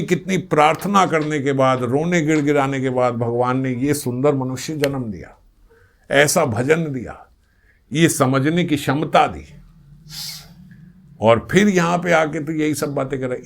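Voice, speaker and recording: A man's voice: a little high, unhurried, creaky. A man giving a devotional discourse, speaking earnestly and repeating phrases for stress, now and then acting out little everyday scenes. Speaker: spiritual speaker.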